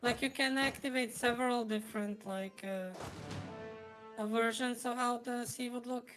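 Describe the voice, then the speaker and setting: High robotic-tinged woman streamer over music. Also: fairly even intonation, normal speed. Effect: voice changer, slightly robotic. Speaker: streamer, host. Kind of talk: casual gaming stream chat.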